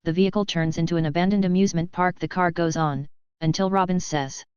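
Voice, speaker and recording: A woman narrating an adult fiction audiobook with an even, steady reading. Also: lowish voice, fast, clear, resonant tone, dry recording, dull audio.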